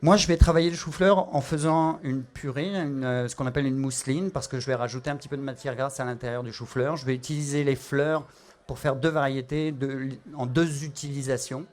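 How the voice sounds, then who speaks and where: A man's voice: medium pitch, steady tone, a little fast. A middle-aged man with a Parisian French accent, a chef explaining a cooking demonstration, with frequent fillers and restarts. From France.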